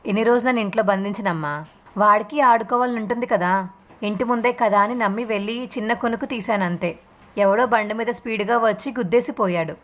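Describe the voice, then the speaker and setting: A woman's voice: medium pitch, brisk, close to an everyday voice. A woman voicing a worried, frail grandmother who talks in a tired, soothing way. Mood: weary.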